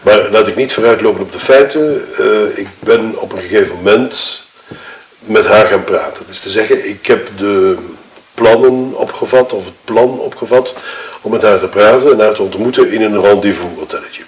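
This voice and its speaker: In an audio murder-mystery game, an actor voices a wronged, widowed Flemish husband giving a long, self-justifying statement. His lowish voice is close to an everyday one at normal speed, echoing in a roomy space, and he sounds hesitant and defensive. He chooses formal words and often hesitates and corrects himself, so the testimony sounds improvised.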